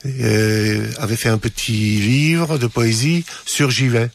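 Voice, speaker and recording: A gravelly-voiced man from France, the guest of a radio interview, explaining his songs in an unhurried, modest way. His voice sits in a mid register and sounds dry and close. It is relaxed studio conversation. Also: mid-range voice, no room sound. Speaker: singer-songwriter guest.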